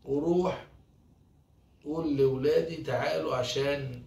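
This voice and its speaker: A man's voice: on the high side, fairly even intonation, unhurried, creaky, darkish tone. A man with an Egyptian accent voicing a wealthy male merchant in a told folk tale, bossy and exasperated. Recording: roomy, from a distance.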